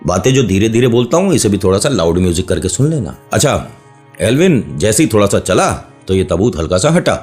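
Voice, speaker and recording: A man's voice: lowish voice, sing-song, brisk, a little mellow, faint music behind. A man casually telling a horror story, breaking off often to joke with his listeners. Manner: chatty, joking asides to listeners, playful digressions. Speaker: storyteller host.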